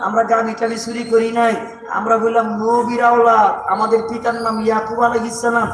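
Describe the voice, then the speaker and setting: A man's voice: very high-pitched, completely flat delivery, brisk. A man voicing clever young brothers in a told story, pleading and explaining. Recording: echoey distant loudspeaker outdoors with noise.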